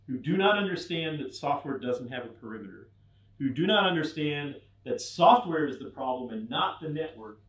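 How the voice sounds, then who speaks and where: A middle-aged man giving a humorous technical talk to an audience, acting out mock dialogues with a wry touch. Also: fairly high pitch. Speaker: conference speaker. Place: event room with an audience. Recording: echoey room, mic at a distance.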